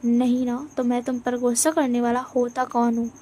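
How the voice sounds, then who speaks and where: A woman voicing a cold, terse young man who speaks in short, flat lines. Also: a little high, moderate pace, a little hiss or hum, lightly acted.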